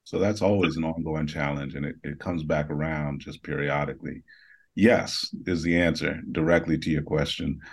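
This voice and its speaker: A man's voice: extremely low pitch, fairly even intonation, moderate pace, breathy edge. A man, an author answering interview questions in a reflective, emphatic way. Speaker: author and editor, guest.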